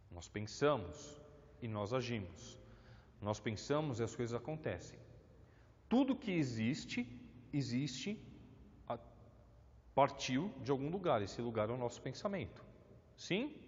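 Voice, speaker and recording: A Brazilian man lecturing in a hall with a long echo, recorded on dull lo-fi equipment. His pitch swings widely as he questions the audience. He acts out his examples with dramatic flair. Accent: Brazilian Portuguese. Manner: engaging, asks the audience questions. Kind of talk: public spiritist lecture. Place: lecture hall of a spiritist center.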